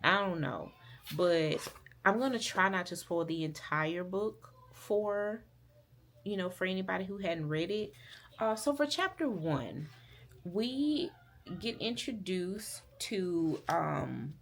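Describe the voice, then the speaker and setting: A woman's voice: fairly low pitch, unhurried, creaky. A woman from Alabama with a Southern accent, chatting casually and rambling about books in her vlog. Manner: chatty, rambling, with fillers and restarts. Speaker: book vlogger. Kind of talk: casual chat.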